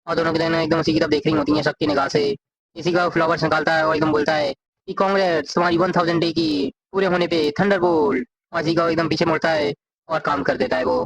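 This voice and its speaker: A man retells a comic story at a fast clip, stringing events together in long run-on sentences. His voice sits a little high for a man. He reads the characters' lines aloud without stopping for breath. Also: monotone, fairly bright tone, low-quality recording. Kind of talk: casual story recap narration.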